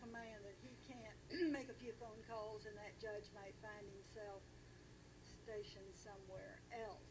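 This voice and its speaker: An American woman talking casually about politics in a deliberate, measured way with pauses, on a noisy recording. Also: medium pitch, fairly even intonation.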